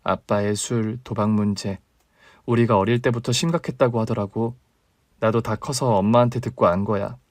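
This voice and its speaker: A man voicing a caring older sister in a radio drama reading, calm and consoling in a low, quiet tone. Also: normal speed, no echo, lightly acted. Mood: somber. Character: young woman, steady caring older sister.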